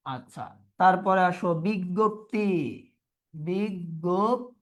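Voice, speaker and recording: A man teaching an online revision class over a video call, quizzing students, reading their replies, and slowly repeating words to drill their pronunciation. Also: high voice. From Bangladesh.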